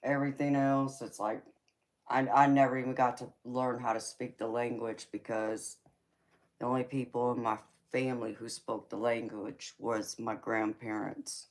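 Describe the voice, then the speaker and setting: With a bass voice, little pitch movement, and normal speed, this young woman has a Southern accent and reads tarot on a laid-back livestream. The recording is rough, and she laughs often while replying to viewers' comments.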